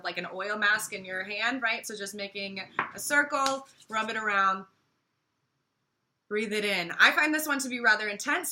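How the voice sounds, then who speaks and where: Bright, bubbly American woman. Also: mid-range voice. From United States. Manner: bubbly and playful, laughs often. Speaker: co-host. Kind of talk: casual product chat.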